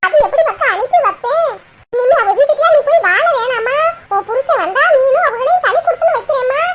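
Cartoon mom played by a woman: high-pitched, doting, lamenting, Kanyakumari Tamil. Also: expressive, fast. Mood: soothing. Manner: soothing, lamenting. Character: doting, fretful middle-aged mother. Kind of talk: cartoon voice acting.

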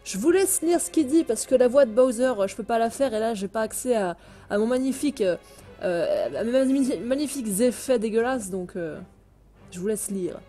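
A woman's voice: a little high, expressive, normal speed, warm tone, soft background music. A woman giving casual, chatty gameplay commentary at home on a headset, gushing and exclaiming and chatting to her cat between bits of play. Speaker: let's play gamer. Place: home room, indoors.

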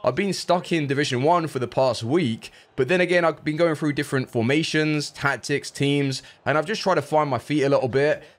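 A man giving live commentary on his own football video game match, excitable, jumping from low groans to loud yelps. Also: fairly quick, few pauses. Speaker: gaming YouTuber.

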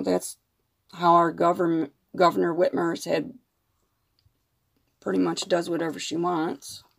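A woman's voice: fairly low pitch, gravelly, a little mellow. A woman nail art vlogger who is losing her voice, talking frankly and rambling with opinions and some mild swearing. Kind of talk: casual talk to camera.

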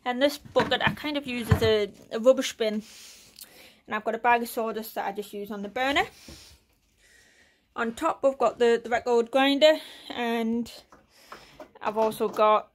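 Speaking a little slowly with long pauses, a woman with a fairly high voice shows off her small shed workshop. She's a British woodworking vlogger, relaxed and filler-heavy as she lists her tools, filming the whole tour on a handheld phone.

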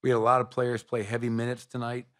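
At a table microphone in a press room with a sponsor backdrop, a middle-aged head coach in basketball gives measured postgame answers to reporters, using frequent fillers. His mid-range voice is completely flat in delivery and a bit bright.

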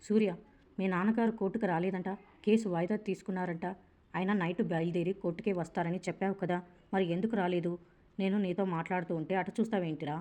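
A worried mother firing question after question at her son, voiced by a woman narrator. The lines come fast and sit low. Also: steady tone, mellow, lightly acted.

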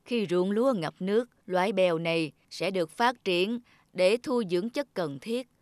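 Woman playing a calm wise old Buddha spirit. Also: mid-range voice, normal speed, no echo, lightly acted. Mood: solemn. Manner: calm, solemn, instructive. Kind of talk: cartoon voice acting. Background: children's music.

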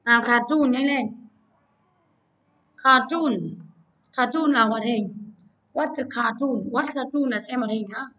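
Woman teacher, brisk and bright, sounds a bit far from the mic. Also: fairly high pitch, highs cut off. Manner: brisk, repeats words, urges pupils on. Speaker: English teacher. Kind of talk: online class teaching. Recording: voice from a distance.

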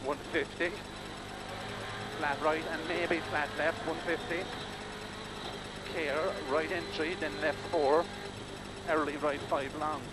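Casting: male rally co-driver, clipped pace-note delivery, even pitch, recorded in-car under heavy engine din. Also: takes it slowly, long pauses. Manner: terse, clipped calls of directions and numbers. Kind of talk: rapid rally pace notes. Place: inside a rally car at speed on country lanes. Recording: very loud car engine noise. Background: loud engine and vehicle noise.

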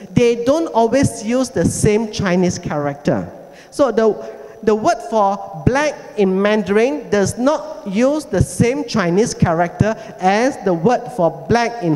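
A man giving a lecture presentation, explaining carefully and slowly repeating key words. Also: high voice, darkish tone. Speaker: heritage forum speaker. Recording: long hall reverb.

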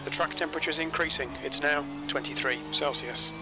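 Man voicing a race engineer, terse clipped calls, game voice lines, fairly high pitch. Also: fairly even intonation, a little fast, noisy background, natural voice.

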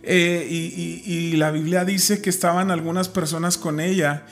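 A man's voice: fairly high pitch, level tone, moderate pace, vocal fry. A man casually discussing a Bible story, retelling scripture with many fillers and restarts.

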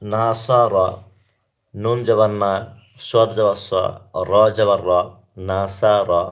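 A man teaching Quran reading, reciting Arabic letters and syllables one by one in a slow, deliberate way, then calmly explaining to viewers. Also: fairly low pitch.

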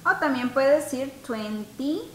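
Woman, English teacher, high voice, unhurried, patient, on a video call in an echoey room. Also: a bit bright, a little hiss or hum. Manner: patient, asks students questions, mixes Spanish and English. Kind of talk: online class teaching.

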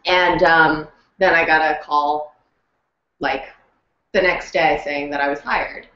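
A woman actor chats casually and tells a story with animated energy, often breaking into laughter. Her voice sits a little low, and the recording sounds roomy and lo-fi. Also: slow pace. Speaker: actor and audiobook narrator. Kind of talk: casual chat.

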